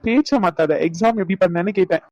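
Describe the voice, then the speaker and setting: A man's voice: high-pitched, darkish tone, no room sound, lo-fi sound, lightly acted. A man voicing an injured young man in a cartoon who teases his tearful girlfriend with mock threats. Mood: playful. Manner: teasing, mock threats, rapid speech. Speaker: voice actor. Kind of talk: cartoon dub acting.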